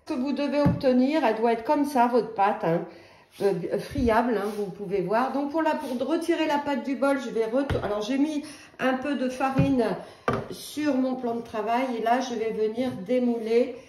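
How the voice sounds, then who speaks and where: A woman's voice: on the high side, moderate pace, darkish tone, roomy sound, a little hiss or hum. A woman giving a casual cooking demonstration in a home kitchen, talking in a chatty, hesitant way with many fillers.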